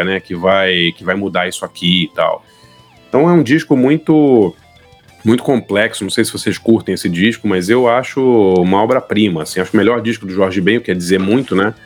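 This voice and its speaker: A man in casual chat, talking thoughtfully with many pauses and restarts as co-host. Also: mid-range voice. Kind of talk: casual chat about music.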